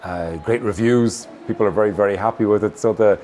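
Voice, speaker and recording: A man's voice: on the low side, brisk, darkish tone. A man from Galway with a west of Ireland accent, answering interview questions as a stage actor and often feeling for his words. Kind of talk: interview answers about own work. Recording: clearly noisy location recording with ambience.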